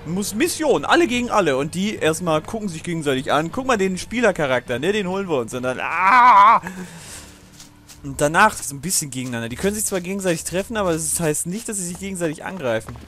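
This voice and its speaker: Chatty, higher-voiced man playing a game. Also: sing-song, quick pace, few pauses, a bit bright, soft background music. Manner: chatty, digressive, swearing, laughing often. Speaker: let's play host. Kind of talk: casual gaming commentary.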